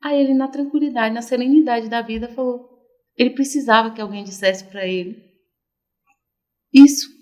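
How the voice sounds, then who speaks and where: A middle-aged Brazilian woman with a Brazilian Portuguese accent, a podcast guest chatting casually and telling anecdotes lively, acting out the quoted voices. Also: on the high side, normal speed, pauses often. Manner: animated storyteller, acts out quoted voices. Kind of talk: casual chat.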